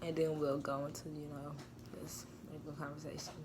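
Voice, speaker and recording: A woman's voice: low-pitched, level tone, brisk, darkish tone, slight background noise. A young woman hosting a casual mukbang at home, chatting directly to her viewers.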